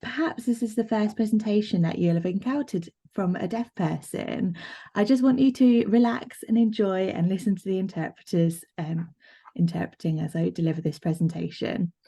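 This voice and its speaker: A woman's voice: medium pitch, moderate pace, vocal fry, warm tone, breathy edge. A woman sign language interpreter giving a live voice-over of a signed presentation, speaking in first person with frequent fillers and restarts on a video call. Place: online video meeting.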